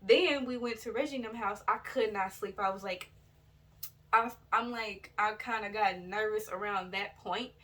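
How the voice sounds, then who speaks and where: A woman's voice: medium pitch, normal speed. Chatty woman vlogging, a little distant. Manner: rambling and loose, with many fillers and self-corrections; chatty and relaxed, addresses viewers directly. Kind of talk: casual storytelling vlog. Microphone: built-in device camera mic.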